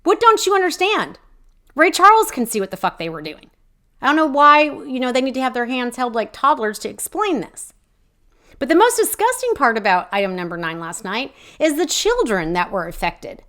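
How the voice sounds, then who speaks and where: A woman's voice: sits high, sing-song, normal speed, bright, forceful tone. A woman hosting her own podcast, ranting indignantly about local politics in a rambling, profane way, full of fillers and restarts. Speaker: podcast host. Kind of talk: casual ranting commentary.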